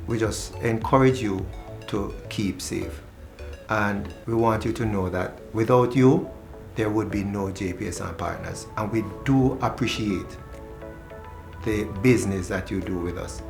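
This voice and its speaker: A man who works at a credit union, speaking earnestly about members and sometimes stumbling over repeated words. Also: on the low side. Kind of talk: interview answers. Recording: music clearly behind.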